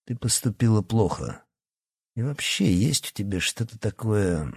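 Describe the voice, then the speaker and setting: A man's voice: very animated, a little slow, gravelly, breathy edge, no echo, clean studio sound, full character voice. A man voicing a cold, curt teen boy. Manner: low, quiet and curt. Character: cold, brooding teenage boy. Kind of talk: audiobook character voice.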